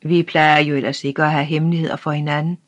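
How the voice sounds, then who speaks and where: Reader voicing a calm, grave craftsman father. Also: medium pitch, highs cut off, close to an everyday voice. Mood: tender. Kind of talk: audiobook character reading.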